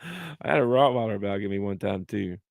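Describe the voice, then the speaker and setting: A man with a gravelly, creaky voice, recorded dry and close. He tells stories in an animated way and laughs often in a casual podcast chat. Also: on the low side, fairly quick, dry recording. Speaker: podcast co-host.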